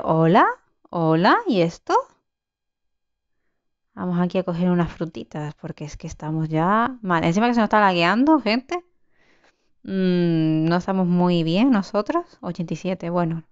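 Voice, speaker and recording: A woman's voice: lowish voice, smooth. Chatty woman gamer, lo-fi mic. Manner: chatty, swearing, exclaiming at the game. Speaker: gaming channel host. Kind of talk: casual let's-play commentary.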